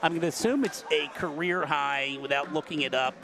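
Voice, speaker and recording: A man's voice: fairly high pitch, fairly quick. An older male broadcaster with a slightly raised voice asks rambling, folksy questions in a post-game interview. A crowd roars in the gymnasium behind him. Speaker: play-by-play broadcaster interviewing players. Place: high school gymnasium. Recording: noisy crowd in a gym. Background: cheering crowd.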